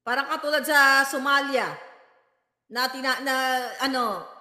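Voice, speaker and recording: A woman's voice: high voice, a little slow, pushed and bright. A woman from the Visayas, scolding and mocking in a commentary rant over a video clip. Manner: mocking, scolding, swaps between Tagalog and English. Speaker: political commentary vlogger. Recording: echoey room with long reverb.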